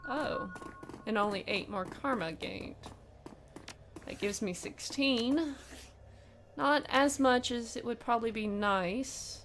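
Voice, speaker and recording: A woman's voice: on the high side, slow pace, long pauses, a bit bright, slight background noise. A woman hosting a let's play, thinking aloud as she plays. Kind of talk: casual gameplay commentary.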